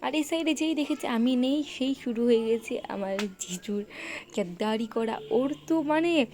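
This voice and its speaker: A woman tells the story of a family outing in voice-over. Her voice sits a little high, and she talks loudly in a chatty, animated way. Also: moderate pace. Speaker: vlogger and mother. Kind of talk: voice-over narration of a family vlog.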